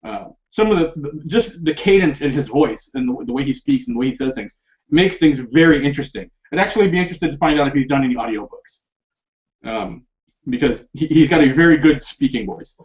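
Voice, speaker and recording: A man's voice: medium pitch, expressive, fairly quick. A man hosting a casual film discussion podcast, rambling with lots of fillers and restarts and laughing often. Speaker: podcast host. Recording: dull lo-fi podcast recording.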